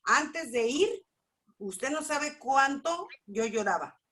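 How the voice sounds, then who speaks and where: Woman, higher voice, lively storytelling testimony. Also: slow pace. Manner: animated storytelling, acts out dialogue. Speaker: speaker at a church family school. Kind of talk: personal testimony.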